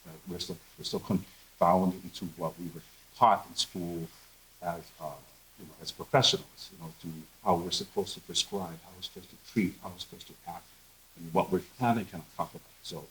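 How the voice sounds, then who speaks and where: A man's voice: low-pitched, slight background noise, rough recording. A man speaking candidly on a conference panel, earnest and full of fillers. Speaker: panelist, behavioral health professional. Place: conference room.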